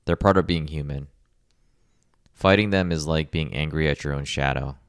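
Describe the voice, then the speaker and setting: Very deep-voiced man, calm coaching tone. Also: normal speed, clean tone, dry recording, studio quality. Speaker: podcast host, rehab clinician. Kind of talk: scripted podcast monologue.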